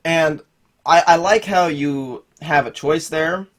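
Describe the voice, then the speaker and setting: A man's voice: fairly high pitch, slow. A young man hosting his own gaming channel, reviewing a game's story in a casual, rambling way, with lots of "like"s and restarts. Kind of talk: casual video game review.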